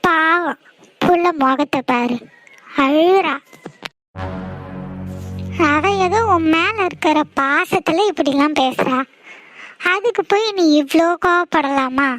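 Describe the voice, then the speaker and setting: A woman voicing a kind, worried middle-aged mother in a cartoon, talking gently and pleading. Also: high-pitched, slow, long pauses, faint music behind, low-quality recording. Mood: soothing. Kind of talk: cartoon voice acting.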